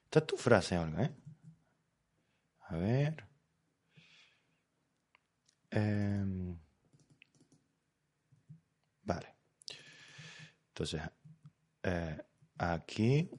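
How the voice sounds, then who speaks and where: Slow low-voiced guy teaching a live grammar class, patient, keeps checking everyone's following. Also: sing-song, a little mellow. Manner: patient, explanatory, frequent "¿vale?" checks. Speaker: Spanish teacher. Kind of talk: live online lesson.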